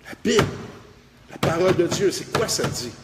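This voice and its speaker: A man preaching a lively Bible study with a Québécois French accent, breaking into shouted praise words. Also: on the high side, fairly quick. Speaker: pastor. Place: church. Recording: echoey church hall, faint noise.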